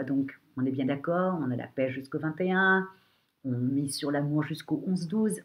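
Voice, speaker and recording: Low, cracked-voiced woman giving horoscopes. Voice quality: broken, cracking, weak voice. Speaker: astrologer giving a monthly horoscope. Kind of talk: informal horoscope monologue to viewers.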